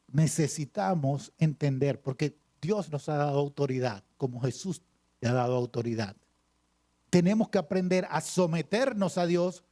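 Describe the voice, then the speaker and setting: High-voiced preaching pastor. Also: male voice, mellow. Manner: preaching with dramatic pauses and repetition. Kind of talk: sermon.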